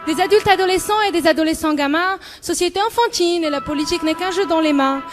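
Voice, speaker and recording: Speaking fast in a very high voice, a young woman from Morocco performs spoken-word poetry with music behind her. As a student poet, her delivery is impassioned, emphatic, and rhythmic.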